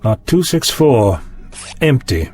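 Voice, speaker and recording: A man's voice: medium pitch, very animated, takes it slowly, darkish tone, slightly rough, faint music behind, exaggerated voice. A man playing an eccentric, curious time-travelling doctor in an audio drama, polite but dismissive, with a musing theatrical delivery. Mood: intent, investigative. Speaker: lead actor in an audio drama.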